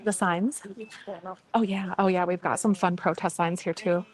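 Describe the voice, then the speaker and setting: A woman's voice: on the low side, fairly even intonation, moderate pace. Female streamer on location outdoors, friendly casual chat to viewers. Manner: friendly, greets chat by name. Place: outdoors by a lake.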